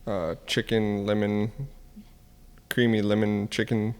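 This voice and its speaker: A man, co-hosting a casual podcast chat, relaxed and quick to laugh. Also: fairly low pitch, smooth, in a large hall. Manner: laughs often, relaxed and joking. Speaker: podcast co-host.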